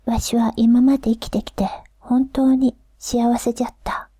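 A woman whispering as a gentle dying old grandfather. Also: a little high, flat delivery, moderate pace, slightly rough, dry recording. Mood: tender. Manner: whispered, old-fashioned rustic speech. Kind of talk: whispered storybook reading.

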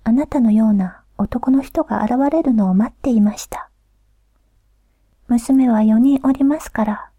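A woman voicing a courteous mother who is secretly a bush warbler spirit, speaking in a soft formal whisper. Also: on the high side, unhurried, breathy edge, no room sound. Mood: polite.

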